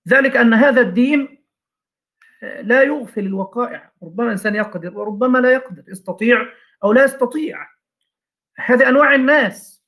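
A man's voice: sits high, a bit bright. A man teaching a class on Islamic jurisprudence, reading lines from a text and explaining each with questions and examples.

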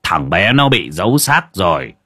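A man's voice: sits low, sing-song, moderate pace, bright, forceful tone, breathy edge, no echo, clean studio sound, full character voice. A man voicing a stern village shaman in his sixties who gives grave commands in a storybook reading. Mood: commanding.

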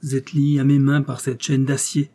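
A violent circus clown, as a man reads him aloud, spitting sarcastic defiance in a raised, forceful, husky voice. He pitches his voice higher and louder than the narration, mellow in tone yet rough at the edges. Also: normal speed, lightly acted. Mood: defiant. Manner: sarcastic, raging, then pleading.

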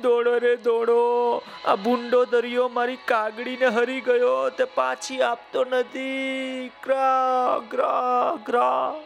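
A man's voice: very high voice, monotone, slow pace, creaky, few pauses, soft background music, voice pushed up, heavily acted. A man doing a wailing heartbroken crow. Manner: wailing, crying out loud caws. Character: grieving male crow, wailing for his mate. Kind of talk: children's storytelling.

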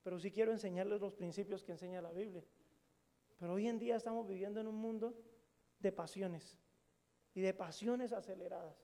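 A middle-aged man preaches to his congregation. His voice sits high and carries a gravelly edge. He tells stories casually and jokes as he goes, throwing questions out to the audience. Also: steady tone, a little fast, dark tone. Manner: colloquial, joking storytelling with questions to the audience. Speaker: pastor. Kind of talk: sermon.

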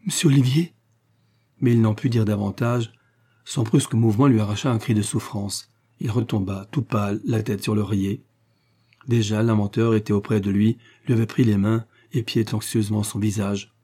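A man narrates a novel in a steady, even voice, low and mellow. His tone has a soft husky grain. The reading is calm and measured throughout. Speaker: audiobook narrator.

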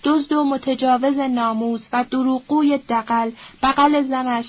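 Woman audiobook narrator, high voice, steady expressive read, muffled lo-fi audio. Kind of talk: audiobook reading of a novel. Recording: dull lo-fi recording.

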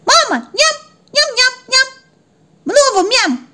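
Squeaky babbling baby puppy girl, greedy and excitable, very high and lively, storybook reading. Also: slow, exaggerated voice.

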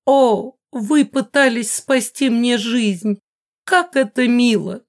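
A woman reading an audiobook, voicing a fussy, excitable noblewoman mother in a high, loud, drawn-out voice.

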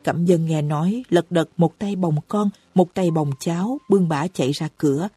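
Woman narrator for an audiobook, low husky tone, dry close mic with faint music underneath. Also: dry recording. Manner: reads slowly and evenly, raising her voice for characters' cries. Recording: dry close recording with soft music behind.

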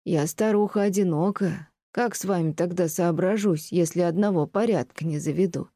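A woman voicing a lonely, fretful old landowner lady who scolds in a slow, plaintive way, as an audiobook reading. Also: lowish voice, dark tone, no echo, studio quality. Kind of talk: audiobook reading of classic prose.

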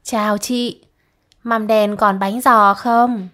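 A woman's voice: medium pitch, steady tone, slow pace, bright, forceful tone. Woman voicing a swaggering bully soldier. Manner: brash, flirty, then threatening. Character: swaggering lecherous male colonial soldier, bullying.

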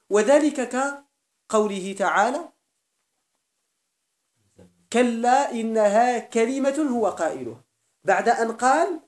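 A man's voice: high-pitched, a little mellow, roomy sound. A man with a Moroccan Arabic accent teaching grammar in a classroom lecture, often questioning his students and repeating key terms.

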